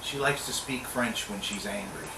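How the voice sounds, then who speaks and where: This home cooking show features a middle-aged host speaking at a moderate pace in a lowish voice. He keeps up a jokey, chatty stream of talk to himself as he cooks in his kitchen. The recording, from a distant mic, sounds roomy with obvious background noise.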